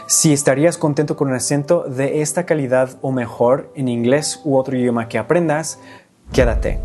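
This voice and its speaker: A young man whose first language is English, hosting a scripted lesson and explaining clearly step by step. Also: medium pitch, mellow. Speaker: language teacher and video host.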